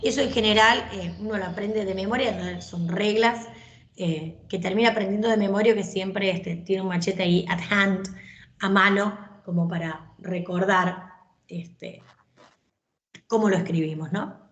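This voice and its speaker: A woman teacher lectures at an even, middling pitch. She explains step by step and keeps checking that her students follow. The recording is roomy, with a clear echo around her voice. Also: measured pace, muffled recording. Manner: explains patiently, often checking understanding with "¿sí?". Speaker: English teacher. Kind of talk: online class lecture.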